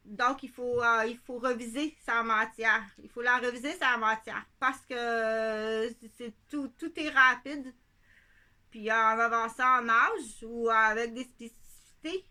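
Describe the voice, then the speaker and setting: High, sharp-voiced Quebec French woman. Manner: digressive, repeats herself, asks "ok?" often. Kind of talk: rambling monologue.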